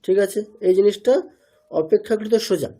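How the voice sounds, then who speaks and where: A man with a fairly high but mellow voice leads a pronunciation class. He keeps quizzing his students and echoes their answers back to them. He sounds out single syllables several times over to show how they are made. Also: fairly quick, husky. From India. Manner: asks students questions and repeats answers; demonstrates sounds by repeating syllables. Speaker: Sanskrit pronunciation teacher. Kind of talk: online class lecture.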